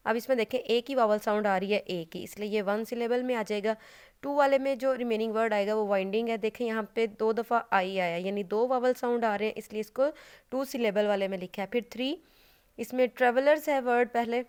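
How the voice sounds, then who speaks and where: Clear-voiced woman teaching a class. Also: a little high, a little fast, darkish tone. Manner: patient, explains step by step, often checks with "okay?"; mixes English terms into her explanations. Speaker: school English teacher. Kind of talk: recorded online class lecture.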